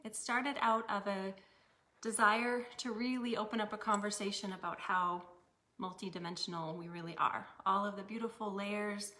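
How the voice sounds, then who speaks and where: A woman, possibly in her thirties, hosting a weekly live series from home, a bit out of breath and talking in a relaxed, chatty way with soft laughs. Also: medium pitch, normal speed. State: a little out of breath. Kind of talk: casual live-stream talk.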